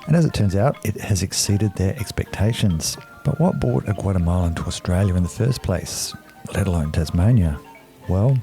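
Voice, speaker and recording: A male host reading a scripted introduction in a measured, storytelling manner. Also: low voice, warm tone. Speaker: podcast host.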